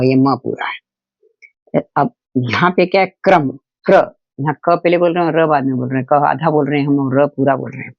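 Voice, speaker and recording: Male teacher, patient and repetitive, with a gravelly, slightly high voice, recorded in a dry, muffled setup. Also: no room sound. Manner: patient, explains slowly with repetition and examples. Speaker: Hindi teacher. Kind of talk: step-by-step grammar lesson for children.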